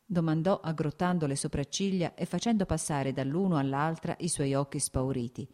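Woman with a low voice reading a novel aloud, steady and measured. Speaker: audiobook narrator. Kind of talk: scripted narration.

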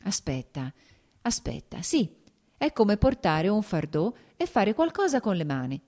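A woman's voice: mid-range voice, very animated, a little slow, mellow, pitched above the performer's own voice. A woman reading a worldly persuasive officer.

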